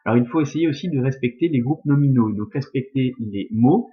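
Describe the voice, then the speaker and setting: A man's voice: mid-range voice, brisk, phone-quality sound. A man carefully explaining, step by step, how to read and scan Latin verse aloud.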